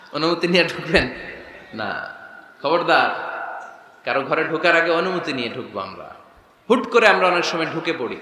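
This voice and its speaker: A man's voice: fairly high pitch, bright, forceful tone. A man preacher giving a sermon, firing rhetorical questions at the crowd and acting out short dialogues. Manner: acts out dialogues in quick voices. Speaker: Islamic preacher. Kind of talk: Bengali waz sermon with sung recitation. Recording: echoey hall with faint noise.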